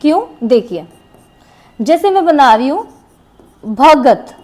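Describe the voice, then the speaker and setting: A woman teaching a shorthand lesson, speaking slowly and patiently and repeating example words as she writes them. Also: high-pitched, animated. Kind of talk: classroom lesson explaining shorthand strokes.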